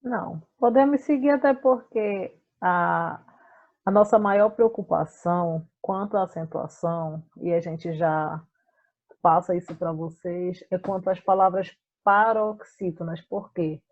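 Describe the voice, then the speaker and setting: A woman's voice: fairly low pitch, a little slow, lo-fi sound. Brazilian woman teaching over thin audio. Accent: Brazilian Portuguese. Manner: explanatory, checks in with "tá?". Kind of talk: online class explanation.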